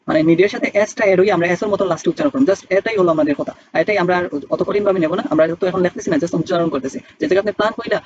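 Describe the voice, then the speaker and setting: A man's voice: sits high, darkish tone. A man teaching English grammar to a class, rambling and repeating himself and often checking in with the students. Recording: dull lo-fi sound with faint noise.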